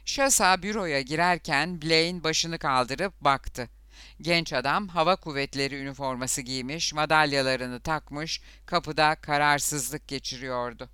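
A man narrating a thriller audiobook in a steady, measured storytelling manner. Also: a little high, smooth, no echo. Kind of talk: scripted narration.

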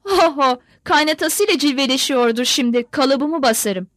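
A woman's voice: high-pitched, lively intonation, moderate pace, a bit bright, no echo, clean studio sound. A woman voicing a homesick young male Cossack soldier, talking wistfully of home.

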